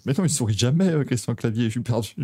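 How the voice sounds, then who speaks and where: A man's voice: mid-range voice, expressive, fast, dark tone, slight background noise. A young man hosting a motorsport podcast, chatting casually with jokes, laughter and rambling asides. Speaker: podcast host. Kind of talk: casual chat.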